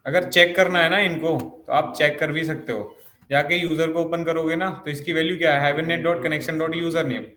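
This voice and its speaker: Here the instructor's voice is a little high and steady, moving a bit fast with a bright, forceful tone. He talks through his programming lesson one step at a time, questioning himself as he explains. The recording has room echo and faint noise.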